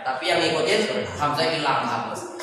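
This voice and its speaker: A man teaching a Quran recitation class, lively and chanting example in recitation tones. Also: fairly high pitch, moderate pace. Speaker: tajwid teacher. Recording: roomy hall, voice from a distance.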